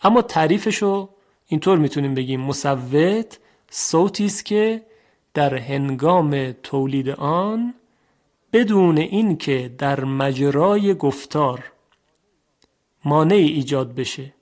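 A man with a somewhat high voice teaches a recorded language lesson. He speaks slowly and deliberately, pausing to stretch out sample vowel sounds so listeners can hear them clearly. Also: darkish tone.

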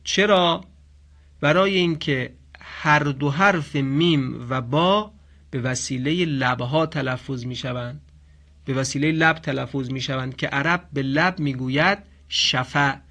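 A man's voice: mid-range voice, pushed and bright. Patient Quran recitation teacher, man. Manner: patient, explanatory, slowly chants example phrases. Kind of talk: radio-style tajweed lesson.

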